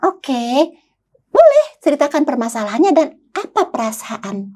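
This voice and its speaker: A woman's voice: high-pitched, wildly swooping pitch, normal speed, darkish tone. An older woman who works as a psychologist, talking in a podcast conversation and telling stories animatedly, acting out her clients' voices.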